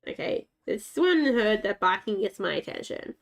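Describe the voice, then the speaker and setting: This game streamer has a creaky, naturally scratchy medium voice with a sing-song lilt, speaking at normal speed. Her commentary is casual and rambling, and she chats to herself and to the pets in her game.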